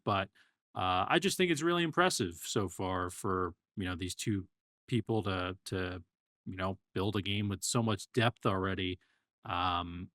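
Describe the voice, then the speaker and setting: A man's voice: fairly low pitch, a bit bright, dry recording, clean studio sound. A man co-hosting a casual podcast, talking in an easygoing, rambling way with many fillers. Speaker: podcast co-host.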